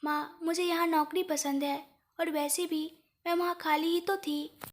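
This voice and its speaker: A woman's voice: extremely high pitch, little pitch movement, unhurried. A woman narrating a romantic drama story, reading every character in the same plain voice. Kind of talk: scripted narration.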